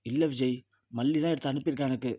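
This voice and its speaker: A man voicing a scheming woman who keeps accusing her younger brother's wife, read in his own mellow voice. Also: mid-range voice, steady tone, quick pace, husky, no echo, studio quality, lightly acted. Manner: insistent, accusing.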